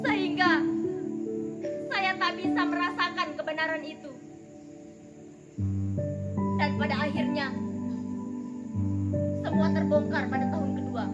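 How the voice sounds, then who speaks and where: A woman performing a theatrical stage monologue as a wronged young mother turned bitter, defiant avenger, declaiming slowly. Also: high-pitched, fairly even intonation, muffled recording, over loud music. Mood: brooding, reflective. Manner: slow, declamatory theatrical delivery.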